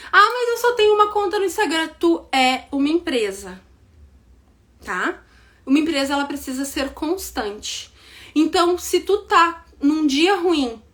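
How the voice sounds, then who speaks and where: A woman with a bright, high voice and a southern Brazilian accent leads an online business lesson. She talks straight to her audience and keeps checking in with a quick "tá?". Now and then she acts out excuses in a quicker, higher voice. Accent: southern Brazilian, Rio Grande do Sul. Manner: direct, repeats points with "tá?" check-ins. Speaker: business mentor. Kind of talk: online class to women entrepreneurs.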